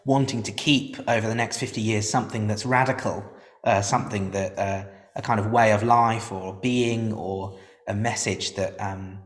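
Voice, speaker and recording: Man, panel host, hesitant summarizer, low pitch, long hall reverb. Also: steady tone, normal speed, hardly any pauses. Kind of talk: moderating a panel discussion.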